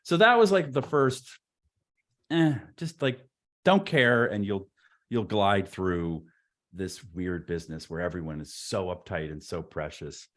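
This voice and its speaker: A man with a fairly low voice talks as a guest in a relaxed, wry way. His stories wander, full of restarts and fillers. The tone stays easygoing and unhurried. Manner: rambling with frequent restarts and fillers; laid-back, wry. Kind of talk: casual anecdotal storytelling.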